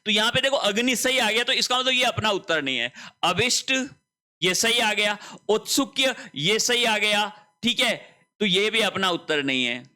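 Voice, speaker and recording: A man's voice: high-pitched, expressive, normal speed, pushed and bright. A man teaching a Hindi spelling lesson for exam preparation, walking through each option step by step and asking rhetorical questions, with a Rajasthani accent.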